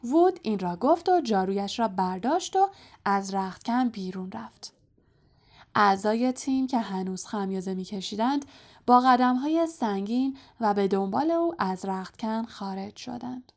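A woman narrating an audiobook in a calm, soft storytelling voice. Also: mid-range voice. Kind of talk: scripted narration.

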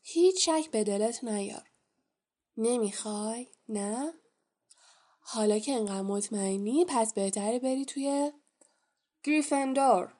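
A woman's voice: fairly high pitch, mellow, close to an everyday voice. A woman reading the part of a sly, probing old male magical hat in an audiobook, musing and coaxing as it thinks aloud. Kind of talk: audiobook character voice.

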